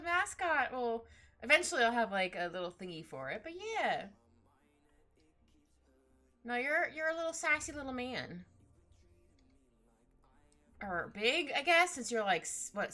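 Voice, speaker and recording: Young woman streamer, bright high voice, very lively, giggly chat over soft music. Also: normal speed, long pauses. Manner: giggly, bubbly, trails off and restarts. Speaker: streamer drawing live. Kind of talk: casual chat with live chat while drawing. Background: soft background music.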